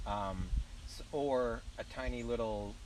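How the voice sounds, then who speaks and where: A man's voice: medium pitch, slow, darkish tone, recorded from a distance, slight background noise, rough recording. A young man with a Southern US accent, chatting loosely while streaming live, rambling and swearing casually. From southern United States. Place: outdoors at a campground.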